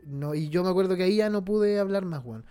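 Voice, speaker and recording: Chilean guy, dark mellow voice, swears a lot, talks low and heavy about sad stuff. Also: fast talker, clean tone, faint music behind. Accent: Chilean Spanish. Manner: slangy, somber storytelling, frequent swearing. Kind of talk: casual chat.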